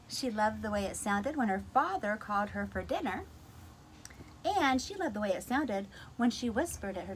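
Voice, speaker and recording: A woman reading a picture book aloud to young children, gently explaining words and adding asides. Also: mid-range voice, a little hiss or hum.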